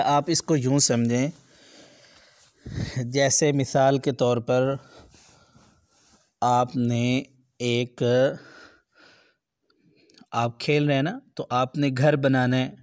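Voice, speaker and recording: A man's voice: mid-range voice, level tone, darkish tone. A man teaching young children to read letters, explaining patiently with everyday examples and drawing out each letter sound. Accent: Pakistani Urdu. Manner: drawn-out demonstration of letter sounds. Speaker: Quran reading teacher. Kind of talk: children's lesson.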